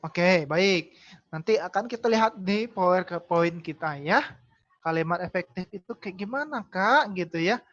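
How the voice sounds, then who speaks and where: A woman tutor leads an online class over a video call, her voice sitting a little low. She keeps the talk moving with fillers and answers her own questions. The call audio sounds dull and lo-fi. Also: measured pace, fairly bright tone. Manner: calls herself Kakak, many "nah" fillers, asks and answers own questions.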